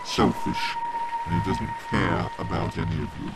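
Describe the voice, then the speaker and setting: A man's voice: deep voice, huge pitch swings, normal speed, vocal fry, full character voice, rough recording. A man voicing a gloating, theatrical megalomaniac villain in an audio drama, taunting and menacing. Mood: mocking. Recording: loud music under the voice.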